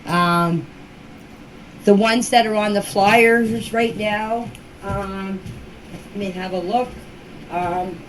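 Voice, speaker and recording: A medium-pitched older woman, a grandmother, answers questions informally about a missing children case she's related to, speaking plainly, insistently and repetitively. The amateur recording is low quality with slight background noise.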